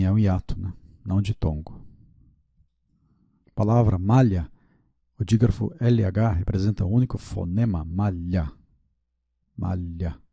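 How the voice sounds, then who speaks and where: Low, dark-voiced Brazilian teacher thinking aloud. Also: male voice, vocal fry, husky, no echo, studio quality. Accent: Brazilian Portuguese. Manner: thinks aloud, checks answers, admits mistakes with "né?". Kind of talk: video lesson, working through quiz questions aloud.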